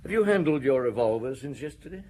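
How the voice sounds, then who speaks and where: A man's voice: mid-range voice, animated, fast talker, warm tone, a little hiss or hum, natural voice. A man playing a shrewd, stern, middle-aged police inspector in a radio detective drama, questioning with formal authority. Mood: firm, measured.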